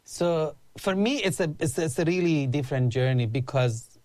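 A man in his thirties, born in Afghanistan and raised in Iran, is an earnest guest in a casual interview, often restarting sentences and leaning on "like." His voice is a little high and slightly mellow, with lively intonation, a moderate pace, and no echo.

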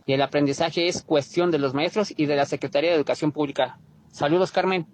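A man with a Mexico City Spanish accent leaves a voice message for a radio program on his phone. His voice sits a little high for a man, and his tone is indignant and lecturing as he keeps returning to the same points. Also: steady tone, fast talker, darkish tone, slight background noise. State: leaving a recorded voice message for a radio show. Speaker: radio caller. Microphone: phone voice note.

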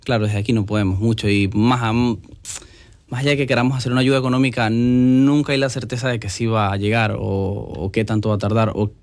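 An earnest young Venezuelan man speaks in a relaxed interview, his voice at an ordinary male pitch. He fills his pauses with small words and often repeats himself. The sound is dry and close, with no room echo. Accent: Venezuelan Spanish. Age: young adult. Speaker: musician and guest. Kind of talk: casual interview chat.

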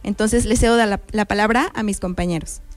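A woman's voice: mid-range voice, brisk. A woman with a Mexican Spanish accent, a university promotion coordinator speaking as a radio guest, upbeat and promotional, repeating contact details. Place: radio studio.

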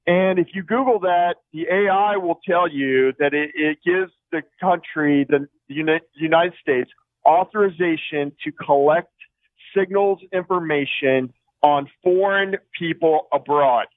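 Calling in to a radio talk show, a man with a fairly high voice speaks unhurriedly and rambles, with many fillers and restarts. His voice comes through a tinny, dry phone line with no echo.

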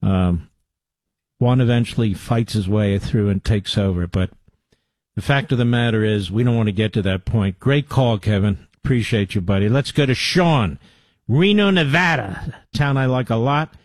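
A man's voice: fairly low pitch, moderate pace, no echo. A man hosting a call-in radio show, blunt and emphatic as he takes callers. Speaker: radio talk show host. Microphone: studio microphone.

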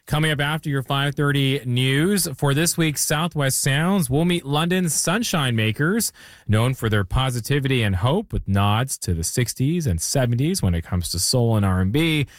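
A man's voice: medium pitch, no room sound. Male radio host reading links, dry. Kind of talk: scripted radio presenting. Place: radio studio.

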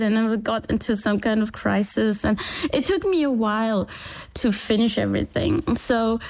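A woman in her forties, born in Sri Lanka, talking through her life story in a relaxed interview, acting out past conversations and laughing easily. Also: on the high side. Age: 40s. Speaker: engineer and startup founder.

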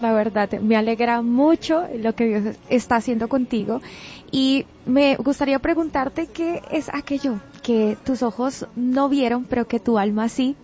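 Female interview host, higher pitch, winding questions, lo-fi recording. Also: darkish tone.

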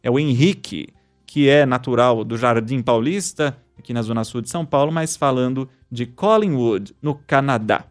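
A man's voice: medium pitch, moderate pace, faint music behind. A man hosting a news podcast, reading stories and listener messages in a scripted style. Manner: reads listener messages aloud.

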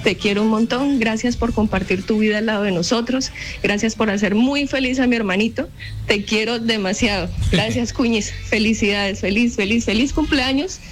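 A woman's voice: fairly high pitch, moderate pace, soft background music. Woman's voice note played on air. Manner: effusive, strings wishes together. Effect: phone voice note played on air. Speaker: radio listener sending a greeting. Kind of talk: birthday greeting message.

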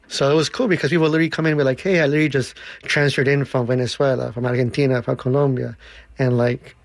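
A man's voice: medium pitch, dry recording. Earnest man telling his story, dry sound. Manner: earnest, quick bursts with slow emphatic stretches. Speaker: dance instructor and organizer. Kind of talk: reflective interview storytelling.

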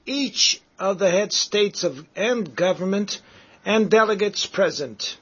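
A man giving a live interpretation of a formal speech, in measured phrases broken by pauses. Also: sits high, a bit bright, breathy edge, highs cut off. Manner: measured, halting delivery with pauses between phrases. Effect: live interpreter voice, dubbed over a speech.

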